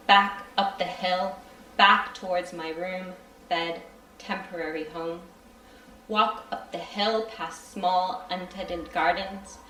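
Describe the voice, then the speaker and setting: A woman reading aloud from her own novel at a live event, chatty in her introduction and steady in the reading. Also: fairly low pitch, a little hiss or hum. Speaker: creative writing student reading her novel. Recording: roomy hall from far off.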